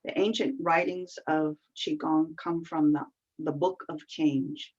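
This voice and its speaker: A woman with a fairly low voice explains an energy practice in an unhurried, earnest way, building her points one piece at a time. She is heard over a video call, and the sound comes through muffled and lo-fi. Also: fairly even intonation, darkish tone. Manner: earnest, explains step by step with many fillers. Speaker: qigong teacher, guest. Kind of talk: explanatory interview answers.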